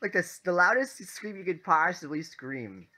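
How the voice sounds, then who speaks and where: A man casually telling a story as a vlogger, animated and full of fillers. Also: high-pitched, normal speed. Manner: animated, many fillers and restarts.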